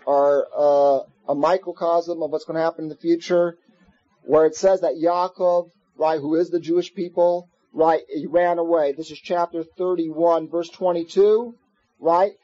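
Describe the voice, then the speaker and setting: A man giving a Torah class, explaining verses in a conversational way and telling stories with lively asides, on an old tape recording. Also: fairly high pitch, normal speed, lo-fi sound. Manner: conversational, animated storytelling with asides. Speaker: Torah teacher.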